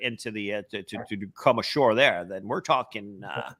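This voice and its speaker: A man's voice: fairly low pitch, moderate pace, sharp tone. A man from Norway with a Norwegian accent, hosting a casual travel webcast with many hesitations and fillers. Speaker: host.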